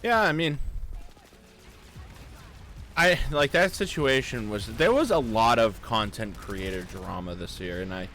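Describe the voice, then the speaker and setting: A man's voice: lowish voice, animated, measured pace, long pauses, a bit bright, slight background noise. A man in casual gaming chat, rambling on while playing a game at the same time.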